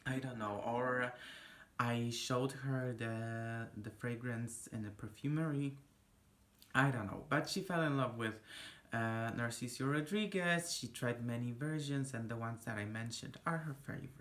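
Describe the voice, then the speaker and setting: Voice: mid-range voice, unhurried, a bit bright. A young adult vlogger from Poland with a Polish accent, chatting casually and ramblingly to a phone camera in a small room. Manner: rambling, chatty, self-interrupting. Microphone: phone camera at arm's length.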